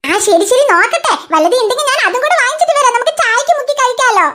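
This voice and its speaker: A woman's voice: very high-pitched, expressive, racing, very noisy. A woman doing a chatty, gossipy cartoon mom. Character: chatty neighbor mother, talkative and fussy. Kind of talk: cartoon voice acting.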